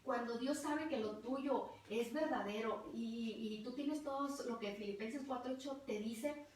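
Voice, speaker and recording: A woman's voice: fairly high pitch, slight background noise. A middle-aged woman with a Mexican accent, preaching a fervent testimonial sermon and repeating words for emphasis. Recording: very echoey hall, distant mic, faint ambience.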